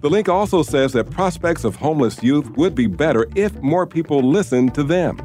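A man reading a scripted news voice-over in an even, measured way. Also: on the high side. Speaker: news narrator. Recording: faint music underneath.

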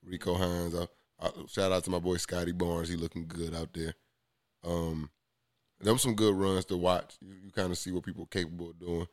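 A man's voice: low voice, level tone, normal speed, no room sound, studio quality. A laid-back man in his thirties, co-hosting a casual basketball chat in slangy, rambling talk.

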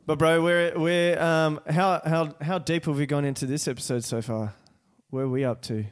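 A man's voice: on the high side, fairly even intonation, moderate pace, smooth. A man hosting a casual film chat, slangy and sweary, often repeating his words. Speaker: podcast host.

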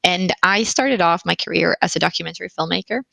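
A woman talks as an interview guest in a low, creaky voice. She speaks reflectively, often breaking off and restarting her sentences, and the recording is dry and close. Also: quick pace, bright, forceful tone, no room sound, low-quality recording. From Finland. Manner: reflective, with restarts and self-corrections. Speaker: guest investor. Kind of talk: interview answers.

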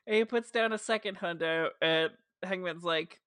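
Podcast co-host, New Jersey accent, bright tone, dry close sound, filler-heavy casual retelling. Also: medium pitch, normal speed, dry recording. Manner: chatty, lots of "like" fillers, animated retelling. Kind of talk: casual chat recapping a show.

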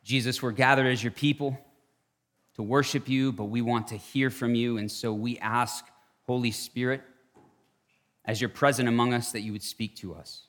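Earnest preacher guy at a pulpit microphone, goes quiet and low to make a point. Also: fairly even intonation, moderate pace. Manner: earnest, drops to hushed tones for emphasis. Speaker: pastor. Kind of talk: sermon.

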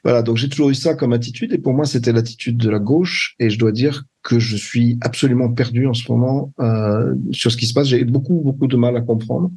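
A man's voice: mid-range voice, a little fast, few pauses, mellow, slightly rough. An older man, a translator being interviewed, talking hesitantly and searching for his words. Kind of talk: conversational interview.

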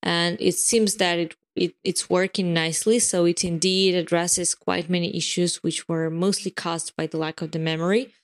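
A woman's voice: fairly low pitch, fairly even intonation, moderate pace, few pauses. A woman giving product updates in a casual podcast chat, explaining in long runs with frequent fillers and restarts. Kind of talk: casual podcast chat about developer tools.

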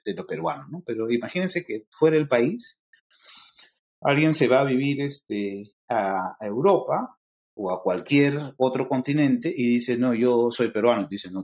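A man's voice: mid-range voice, a little mellow. Middle-aged peruvian guy from lima explaining stuff on a podcast, lots of "este" and "eh". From Peru. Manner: lecturing, many fillers like "este" and "eh". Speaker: guest expert on interculturality.

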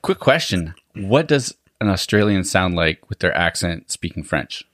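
A man hosting a podcast interview, asking quick, curious questions and laughing often in casual chat. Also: deep voice, big pitch swings, a bit bright, no echo, clean studio sound. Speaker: podcast host.

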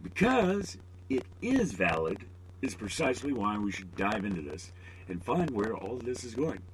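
A man's voice: on the low side, slight background noise, low-quality recording. A middle-aged man hosting a podcast alone, rambling with joking, self-deprecating asides. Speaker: podcast host. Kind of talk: casual solo podcast monologue.

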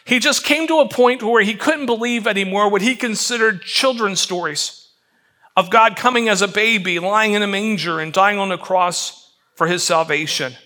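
A middle-aged pastor preaching a Christmas sermon in a high, bright voice. He tells the story earnestly and often drops to a softer, quieter tone for emotional moments. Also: moderate pace.

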